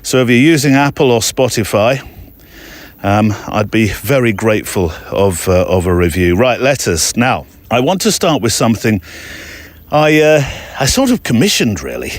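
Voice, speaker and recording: Strolling outdoors in an overgrown park, a man hosts his podcast as a casual walking monologue, rambling to listeners with hesitant asides. The recording is dry, and his medium-pitched voice swings widely in pitch at a moderate pace.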